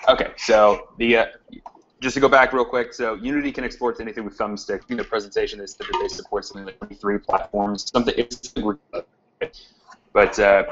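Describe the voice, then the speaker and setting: A man with a lowish voice explains a technical point at length in an online team meeting, stopping and restarting as he goes. The call audio is muffled, with a faint hiss. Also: steady tone, fairly quick, a bit bright. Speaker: team member. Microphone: computer mic on a video call.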